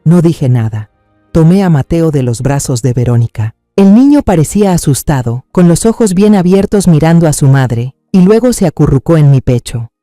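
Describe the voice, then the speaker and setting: A man narrating a family drama in a measured, somber, suspenseful way. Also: a little high, animated, dark tone, no echo, clean studio sound, faint music behind.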